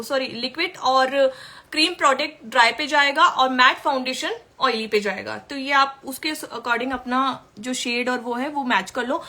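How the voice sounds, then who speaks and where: A woman's voice: sits high, bright, forceful tone. A woman makeup artist teaching makeup in a chatty way during a live-stream tutorial, answering viewer questions as she works.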